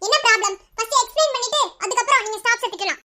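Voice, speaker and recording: Lady voicing a feisty cartoon lecturer, very high, quick to argue. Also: pushed and bright. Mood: firm. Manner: firm, challenging.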